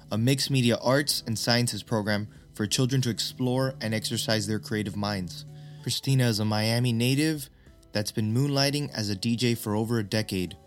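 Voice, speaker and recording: A male podcast host reading a scripted intro in a smooth, measured way. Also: mid-range voice. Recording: intro read over background music.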